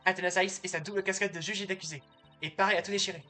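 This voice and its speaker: A man doing a bright, spirited young woman judge. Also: high-pitched, steady tone, very fast, faint music behind. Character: eager young woman lawyer acting as judge. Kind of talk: reading game dialogue aloud.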